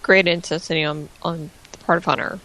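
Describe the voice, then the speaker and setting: A woman's voice: lowish voice, steady tone, brisk, vocal fry, sharp tone, a little hiss or hum. A woman co-hosting a wrestling radio post-show, chatting casually and teasing the wrestlers with sassy asides. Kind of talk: casual chat.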